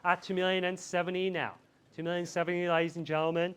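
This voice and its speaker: Outdoors on a residential street, a man calls a live property auction, chanting the bid figures over and over and urging buyers on. His voice sits high, with a level, fast delivery and a slightly bright, clean tone.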